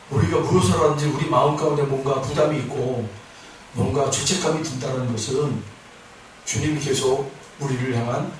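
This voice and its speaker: Impassioned preacher with a lively high voice. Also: male voice, slight background noise. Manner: swings between loud impassioned preaching and soft quiet asides. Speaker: pastor. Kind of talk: sermon. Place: church sanctuary. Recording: echoey church from far off.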